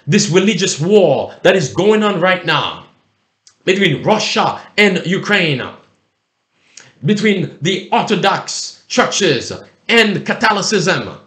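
Slow, animated preaching man, echoey. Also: sits high. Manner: emphatic, drawn-out preaching cadence. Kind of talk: sermon with scripture reading. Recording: roomy echo.

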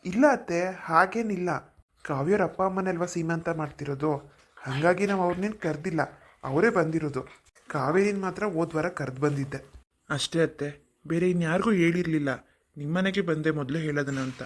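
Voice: medium pitch, brisk, lightly acted. A voice actor playing a polite, respectful young village man in a cartoon. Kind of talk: cartoon voice acting.

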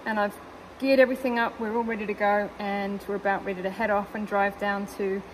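A woman's voice: mid-range voice, little pitch movement, brisk, a little hiss or hum, rough recording. A New woman chatting casually and rambling about her car, with lots of fillers and giggles, recorded in a car. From New Zealand. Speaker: car owner guest. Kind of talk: casual chat. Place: in a parked car.

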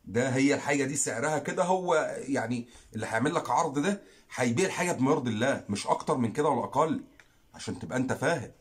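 A man's voice: medium pitch, lively intonation, rapid-fire. A man with an Egyptian Arabic accent, hosting a fishing channel and making an earnest, pleading direct-to-camera appeal, repeating phrases for emphasis.

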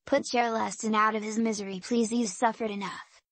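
A woman's voice: a little high, level tone, normal speed, faint music behind, natural voice. A woman voicing cheeky livestream fans, reading their donation messages aloud. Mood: fond, teasing.

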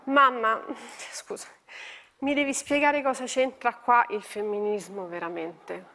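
A woman's voice: fairly high pitch, steady tone, a little slow, sharp tone. A woman performing a comic stage monologue in a TV studio, acting out an exasperated one-sided phone call with theatrical flair. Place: TV studio with live audience.

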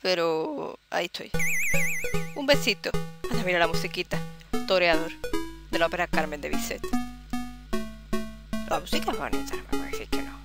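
A speaker with a Spanish accent from Spain giving casual gameplay commentary, chatty, swearing freely and shouting to cheer the game on. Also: medium pitch, normal speed, long pauses. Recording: loud background game music.

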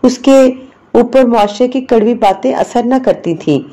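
Woman storyteller, scripted narration, mellow warm tone, fairly high pitch. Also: poor audio. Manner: measured, emotional reading.

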